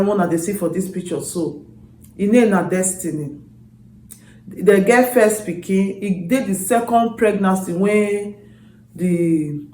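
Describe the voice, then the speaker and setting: A woman's voice: mid-range voice, a little mellow, slight background noise. A Nigerian woman hosting a storytelling vlog in Nigerian Pidgin, addressing followers casually and repeating words for emphasis. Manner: emphatic word repetition. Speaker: YouTube storyteller and channel host. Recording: roomy echo.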